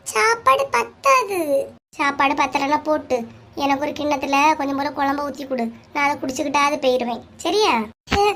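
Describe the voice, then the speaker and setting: Woman doing squeaky, sharp-tongued cartoon village women. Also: a little hiss or hum. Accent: Kanyakumari Tamil. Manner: scolding, nagging banter. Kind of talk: cartoon comedy voice acting.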